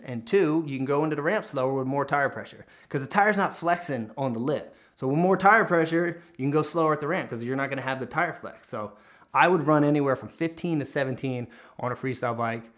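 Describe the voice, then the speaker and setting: A man's voice: mid-range voice, a bit bright. A man hosting a casual tutorial, talking to viewers in a laid-back, informal way as a freestyle motocross rider. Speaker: host, freestyle motocross rider giving tips.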